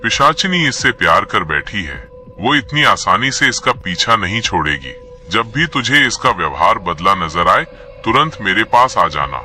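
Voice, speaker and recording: A man's voice: fairly low pitch, big pitch swings, moderate pace, pushed and bright, full character voice. A man playing a stern older exorcist who gives orders in a commanding, paternal way.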